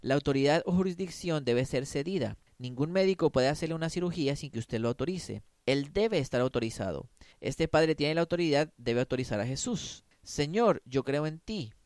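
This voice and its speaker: A man's voice: on the high side, expressive, fairly quick, a little mellow, dry recording, studio quality. A man preaching a sermon, emphatic, often asking his listeners questions and acting out the quoted voices.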